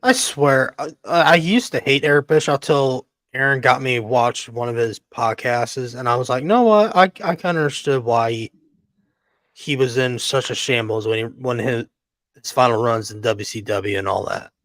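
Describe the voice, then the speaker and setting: A man's voice: medium pitch, moderate pace, fairly bright tone, dry recording. A man co-hosting a wrestling podcast, chatting casually, jokey and profane, laughing often. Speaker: podcast co-host.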